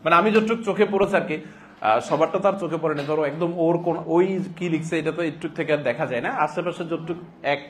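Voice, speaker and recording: A man's voice: fairly high pitch, a little hiss or hum. Man teaching a class, joking. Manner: explains by asking and answering his own questions, joking. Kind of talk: classroom lecture.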